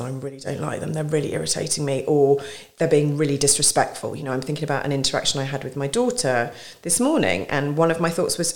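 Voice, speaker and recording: A woman in her forties, a coach, explaining a calming technique in a relaxed podcast conversation with thoughtful pauses. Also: low voice. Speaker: guest coach.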